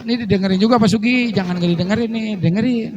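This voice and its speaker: A man's voice: high-pitched, fast talker, highs cut off, noisy background. A man giving a humorous religious lecture to a congregation, telling stories with quoted voices and chuckles. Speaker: preacher. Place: mosque gathering.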